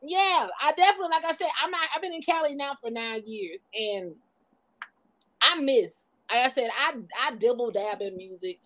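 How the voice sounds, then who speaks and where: A woman's voice: on the high side, lively intonation, normal speed, a bit bright, low-quality recording. A woman in her forties hosting a casual interview, outspoken and joking, laughing often. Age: 40s. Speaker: host.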